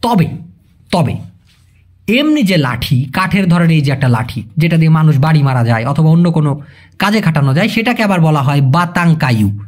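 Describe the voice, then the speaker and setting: A man's voice: on the high side, lively intonation, normal speed. A man teaching a language in a casual video lesson, patiently explaining and repeating key terms and quizzing his viewers.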